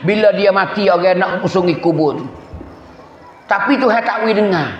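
A man with a Patani Malay accent preaching a religious sermon, repeating phrases for emphasis and swinging between loud and hushed. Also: sits high, normal speed, a little hiss or hum. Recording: echoey hall, dull lo-fi sound.

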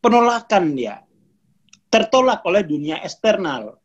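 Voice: mid-range voice, very animated, a little slow, lo-fi sound. Lecturer repeating warnings, laughing often. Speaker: lecturer on spiritual consciousness. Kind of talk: casual spoken lecture.

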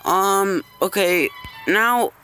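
Male gamer for casual let's play narration: bright, high voice, hesitant, thinking aloud. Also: extremely slow, smooth, soft background music. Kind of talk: casual gameplay commentary.

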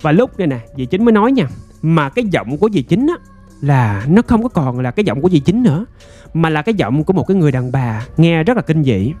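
A man tells a ghost story in a loose, chatty way, stretching out his phrases and filling them with small asides. His voice sits a bit high for a man. Soft music plays faintly behind him. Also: very animated. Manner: chatty, drawn-out storytelling with many fillers. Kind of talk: casual ghost story narration.

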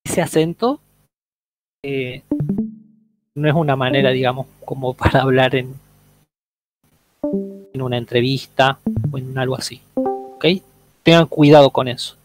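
A man's voice: mid-range voice, fairly even intonation, measured pace, long pauses, music in the background, low-quality recording. A man teaching an online English workshop, explaining step by step and checking in with his students often.

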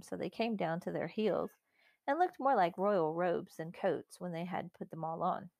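A woman reading a children's storybook aloud as the narrator, clear and measured. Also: lowish voice, darkish tone, no echo, studio quality. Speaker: audiobook narrator.

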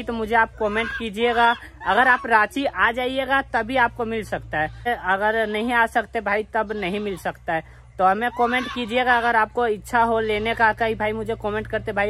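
A man's voice: high-pitched, sharp tone, slight background noise. A man, chatting casually and directly to his viewers outdoors at home. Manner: plain, repetitive, addresses viewers directly. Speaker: vlogger with a pet monkey. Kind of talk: casual vlog chat to viewers.

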